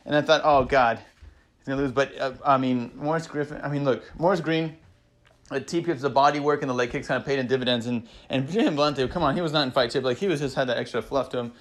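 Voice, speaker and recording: A man casually recapping fight results, excitable and rambling, swearing freely and peppering his talk with "man" and "you know". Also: mid-range voice, fast. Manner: acts out fighters' thoughts in quoted asides. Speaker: MMA vlogger recapping fights.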